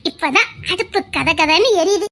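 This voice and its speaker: A cheeky, defiant young wife with a strikingly high voice, played by a woman. She talks quick and teasing, emotional under the banter, in an audio-drama style. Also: animated, a bit bright, heavily acted. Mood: tender. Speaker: voice actor in an audio serial. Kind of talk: Tamil audio drama acting.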